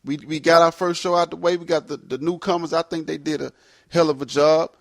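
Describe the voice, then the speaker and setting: A man's voice: on the high side, steady tone, fairly quick, creaky, a bit bright, no echo. Laid-back man hosting, dry sound. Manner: laid-back slangy banter. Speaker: podcast host. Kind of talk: casual chat.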